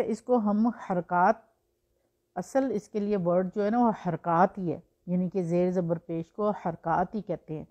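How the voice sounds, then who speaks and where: A woman's voice: fairly low pitch, lo-fi sound. A woman teaching Quran recitation in a patient, explanatory way, using examples and rhetorical questions. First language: Urdu. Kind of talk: explanatory religious lesson.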